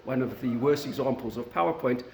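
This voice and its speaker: A man from South Africa with a South African accent, giving an academic lecture in a university meeting room, halting often with fillers and restarts. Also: medium pitch, vocal fry, a little hiss or hum. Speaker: guest lecturer. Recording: echoey lecture room recording.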